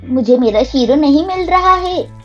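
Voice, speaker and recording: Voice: sits high, animated, measured pace, highs cut off, soft background music. A performer voicing a cheeky five-year-old boy in a game role-play, blunt and demanding as he looks for his lost dog. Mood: worried.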